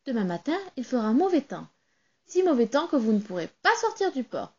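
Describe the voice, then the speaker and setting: A woman's voice: a little high, big pitch swings, fairly quick, highs cut off. A woman voicing a small, clever female rubber doll that can foretell things, in a chirpy, eager way.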